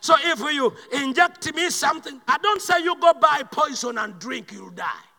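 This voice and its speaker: A man from Uganda with a Ugandan accent preaching a sermon, swinging between loud shouted bursts and quiet slow asides. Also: extremely high pitch, expressive, vocal fry, long reverb tail, soft background music.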